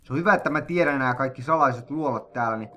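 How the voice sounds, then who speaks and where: A young man hosts a let's play, narrating in an excitable, jokey manner at a medium pitch, punctuated by sudden loud outbursts.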